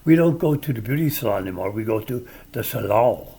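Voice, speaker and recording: An older Midwestern man with a gravelly, husky voice, chatting casually on a podcast. He tells stories and offers wry opinions in a conversational way. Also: medium pitch, expressive, fast, dark tone. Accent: American Midwestern. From American Midwest. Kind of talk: casual chat.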